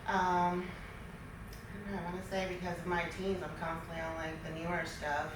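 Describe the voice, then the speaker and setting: A woman's voice: on the low side, level tone, moderate pace. A middle-aged woman, chatting informally and giggly as an interview guest. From Queens, New York. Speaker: interview guest, small business owner. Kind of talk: casual talk show interview. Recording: very echoey room, distant mic, noisy.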